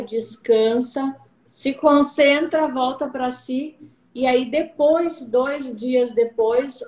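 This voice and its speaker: A woman's voice: high voice, a little mellow. Earnest woman guest, encouraging. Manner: earnest, encouraging, quotes scripture. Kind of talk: casual live-stream conversation. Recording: roomy live-stream audio.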